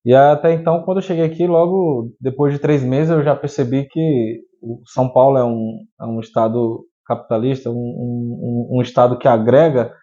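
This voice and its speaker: A man in his thirties from Piauí in Brazil, telling his life story as a guest in an interview. He speaks haltingly, restarting his sentences and filling the gaps. His voice is warm and mellow, and the recording is a little muffled. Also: medium pitch, fairly even intonation, faint music behind. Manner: hesitant, many restarts and fillers. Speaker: guest, entrepreneur.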